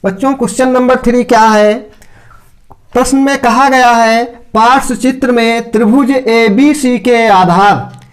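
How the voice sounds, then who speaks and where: A man's voice: very high voice, a little slow. A man teaching a school maths lesson, asking his own questions and answering them step by step. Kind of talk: classroom lecture to school pupils.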